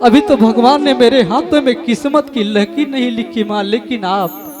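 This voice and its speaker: Unborn girl begging for life, voiced by a man, tearful pleading, high-pitched, faint music. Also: moderate pace, darkish tone. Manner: tearful pleading, repeating "maa".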